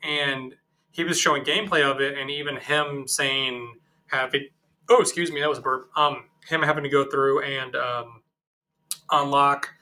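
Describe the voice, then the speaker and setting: Bright-voiced chatty man. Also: mid-range voice, steady tone, normal speed. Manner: rambling, restarts, jokey asides. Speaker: podcast co-host. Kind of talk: casual chat.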